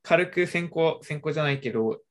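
A young adult in a casual chat who talks in a relaxed, hesitant way, with many fillers and restarts. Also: mid-range voice, normal speed. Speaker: conversation partner.

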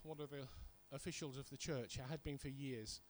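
Over a little hiss or hum, a middle-aged British preacher shares personal stories within a sermon. His medium-pitched voice moves at a moderate pace with fairly even intonation, and he keeps a conversational tone while repeating key points for emphasis.

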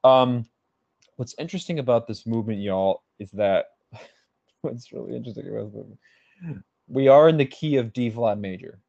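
A podcast co-host with a mid-range, gravelly, slightly mellow voice talks through music theory at a normal pace, pausing often, hedging and restarting as he thinks aloud. The recording is dry and muffled.

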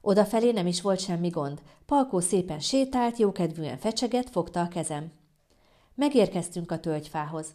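A woman reads a first-person story aloud with calm, even pacing. Her voice sits a bit low for a woman and sounds warm and mellow. The delivery is steady storytelling. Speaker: narrator. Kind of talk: audiobook narration.

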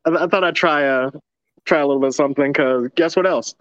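A man's voice: on the high side, fast, a bit bright, dry recording, highs cut off. A man co-hosting a podcast in laid-back casual chat, telling corny jokes. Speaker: podcast co-host.

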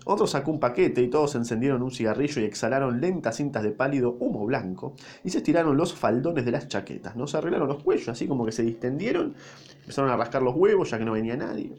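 A man's voice: mid-range voice, animated, fast talker, darkish tone. A man with a Rioplatense accent reading a story aloud, mixing in irreverent slangy asides. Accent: Rioplatense Spanish. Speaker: narrator.

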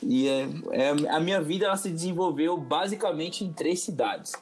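A man from Mato Grosso do Sul talking as a podcast guest, relaxed and rambling, repeating phrases and dropping in slang. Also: a little high, normal speed, faint music behind. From Mato Grosso do Sul, Brazil. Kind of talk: casual podcast interview.

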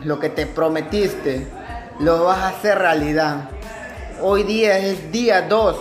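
A man delivering a motivational speech in an emphatic, exhortative manner, in short phrases with deliberate pauses. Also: sits high, reverberant. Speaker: motivational speaker. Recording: music behind the voice. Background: background music.

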